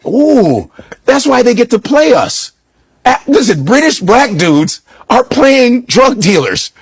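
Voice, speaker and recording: Animated, profane man telling stories. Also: very high-pitched, measured pace, slightly rough. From United States. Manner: animated storytelling, profane, mimics accents. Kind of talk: casual podcast chat.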